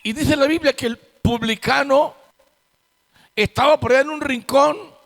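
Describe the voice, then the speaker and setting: Male pastor, very high voice, slow deliberate sermon delivery, emphatic with rhetorical questions. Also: gravelly, fairly bright tone. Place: church sanctuary. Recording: long hall reverb in church.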